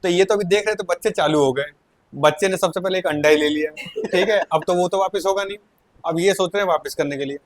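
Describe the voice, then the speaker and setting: Casual male storyteller, animated, slightly high-pitched, laughs through his telling. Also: quick pace, dry recording. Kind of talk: casual anecdote.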